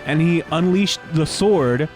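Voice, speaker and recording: A man's voice: a little high, takes it slowly, darkish tone, faint music behind. Joking slangy gaming guy. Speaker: co-host of a gaming podcast. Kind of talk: casual gameplay commentary.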